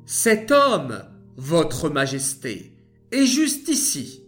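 A young queen voiced by a man pleads urgently in a high, lifted voice. Her storybook lines rise and fall with feeling, over faint music. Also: wildly swooping pitch, extremely slow, fairly bright tone, heavily acted. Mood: accusing.

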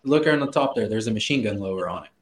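A man's voice: on the low side, fast talker, echoey room, low-quality recording. A man telling a story in casual podcast talk, laughing often and swearing freely. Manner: laughing, profane, animated storyteller. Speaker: guest.

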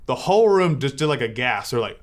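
Man telling stories, relaxed and chatty. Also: on the high side. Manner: relaxed storytelling with filler words. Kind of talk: informal talk to a church audience.

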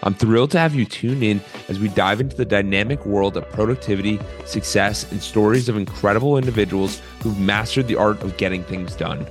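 A man hosting a podcast, reading an energetic intro and then asking casual interview questions. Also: lowish voice, brisk, hardly any pauses, over music. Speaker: podcast host.

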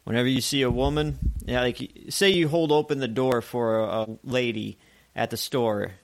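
A man hosting a comedic radio-style show, chatty and animated as he jokes through his segments. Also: mid-range voice, moderate pace.

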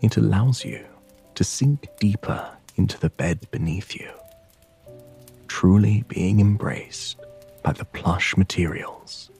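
A man narrating a sleep story in a hushed, soothing, breathy voice that often slips into a whisper, guiding the listener to relax. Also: fairly low pitch, takes it slowly, soft background music. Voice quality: breathy, husky.

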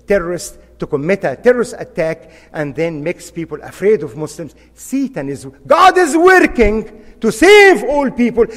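A man's voice: high voice, big-room sound. A middle-aged man from Egypt, preaching a sermon in an impassioned, emphatic way and repeating key phrases.

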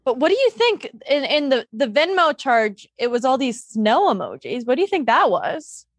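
A young adult woman co-hosting a podcast in casual, comedic chat, blunt and dramatic and quick to swear. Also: high voice, sing-song, no room sound. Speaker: podcast co-host.

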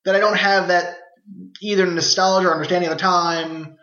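A young man with a fairly high, bright voice talks through a movie with his co-host in a casual chat. He often stutters and repeats words as he starts a sentence. The sound is roomy and a bit dull, like a home setup. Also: steady tone, fairly quick. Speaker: podcast co-host. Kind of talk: casual film discussion. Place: apartment with open windows.

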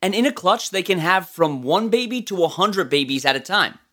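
This is a nature documentary style narration from an educational presenter with a very animated, mid-range voice. The delivery is explanatory and informal, speaking straight to the listener, with plenty of movement in the intonation. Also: mid-range voice, moderate pace.

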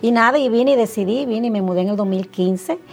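Middle-aged Dominican-accented woman, interview guest, lively storyteller who slips into quoted voices; soft music underneath. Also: on the high side, a little fast, creaky. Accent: Dominican Spanish. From Dominican Republic. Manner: animated, acts out past conversations, frequent fillers. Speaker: interview guest, insurance agency owner.

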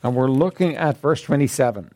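A man preaching a conversational Bible-teaching sermon, clearing his throat often. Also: medium pitch, lively intonation, moderate pace, a little mellow.

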